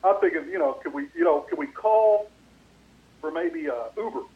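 A male sports radio host rambles through a casual story with plenty of fillers and restarts. He comes in over a dull, lo-fi phone line, and his microphone throws a clear echo back behind every phrase. His voice sits a little high for a man. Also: big pitch swings, normal speed.

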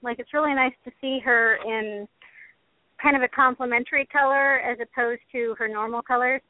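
A woman's voice: on the high side, steady tone, normal speed, no room sound. A woman in her thirties, co-hosting a casual chat, talking in a rambling way with restarts. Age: 30s. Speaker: podcast co-host. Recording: tinny phone-like line.

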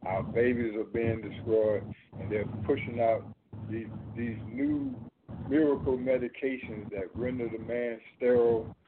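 A male host leading a talk radio discussion, asking pointed questions and repeating key phrases deliberately. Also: mid-range voice, very animated. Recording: tinny, noisy phone-like line.

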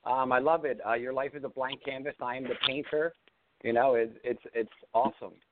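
A man's voice: mid-range voice, fairly even intonation, a little fast. Enthusiastic male radio host, tinny. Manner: enthusiastic, filler-heavy. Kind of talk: radio show hosting. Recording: tinny line with clear noise.

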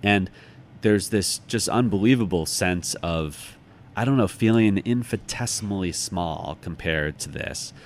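A deep-voiced American man from Chicago speaks a little slowly as an interview guest, sounding reflective, casual and musing. The recording has a clearly noisy background.

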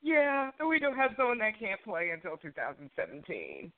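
A woman's voice: medium pitch, wildly swooping pitch, moderate pace, no echo. A woman caller talking on speakerphone in an outspoken, chatty call-in conversation. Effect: on a phone speaker. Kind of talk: casual call-in chat. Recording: tinny dry phone line.

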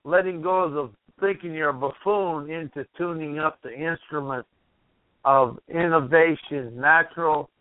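A man's voice: on the high side, a little slow, no room sound. A man hosting a motivational call-in radio show, rambling and asking the listener questions while losing his voice. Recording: tinny phone-like radio line.

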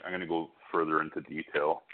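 A man's voice: a bass voice, flat delivery, fast. A man giving a psychic hotline reading as a medium, speaking reassuringly and often checking that what he says resonates. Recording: muffled, band-limited call audio.

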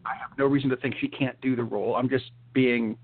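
A man's voice: medium pitch, steady tone, quick pace. Man, co-host, casual chat, hesitant with restarts, phone-like tinny sound. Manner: hesitant, many restarts and fillers. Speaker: podcast co-host.

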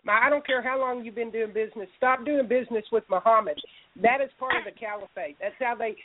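A woman's voice: fairly high pitch, quick pace, noisy background. Blunt woman hosting over tinny audio. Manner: blunt, profane, emphatic. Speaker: talk show host. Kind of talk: call-in talk show hosting.

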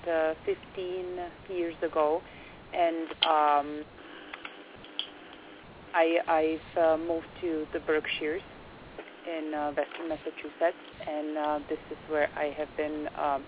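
A quiet, hesitant young woman with a Czech accent talks slowly as a guest on a radio show. She pauses often with fillers. Her voice comes through a narrow phone-like line with faint hiss. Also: deep voice, level tone. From Czech Republic. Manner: quiet and soft-spoken, hesitant with many fillers. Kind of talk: radio interview.

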